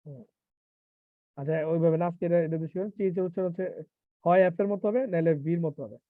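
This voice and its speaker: A man teaching an IELTS class live online, lively and teasing, mixing English terms into casual speech. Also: a little high, fast, no echo. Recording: tinny phone-like online call, dry.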